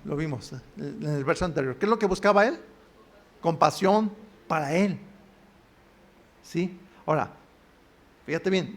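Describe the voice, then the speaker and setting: A man's voice: high-pitched, a bit bright. A man with a Mexican Spanish accent preaching a sermon in a church, often asking the congregation questions and answering them himself. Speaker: pastor.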